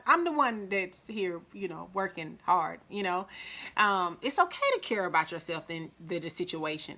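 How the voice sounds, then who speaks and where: A woman with a Mississippi accent giving casual life advice to the camera, chatty, acting out quoted voices with big jumps in pitch. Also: sharp tone. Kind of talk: casual motivational talk to camera.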